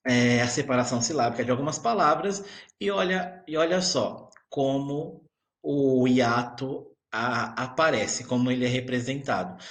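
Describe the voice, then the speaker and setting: A man's voice: medium pitch, a bit bright. A man teaching a recorded grammar lesson, explaining patiently and checking in with his students again and again. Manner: keeps checking in with the class.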